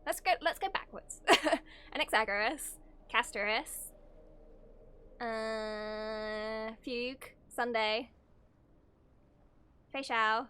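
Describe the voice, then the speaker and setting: Here the streamer's high voice comes across bright, forceful and clean. Over game music, she reads the story aloud and reacts, chatting casually in a giggly, playful way that often drifts off topic.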